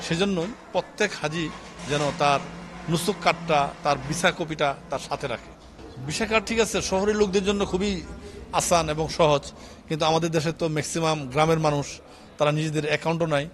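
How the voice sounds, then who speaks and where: A man's voice: fairly high pitch, slight background noise. A man with a Bangladeshi Bengali accent, a travel agency owner, explaining arrangements in an earnest, methodical news interview statement. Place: workshop venue, indoors.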